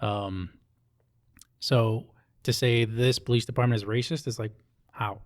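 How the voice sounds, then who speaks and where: A police officer from Hawaii is interviewed, speaking at a measured pace in a medium pitch with fairly even intonation. His manner is conversational and explanatory, often checking in with short tag questions.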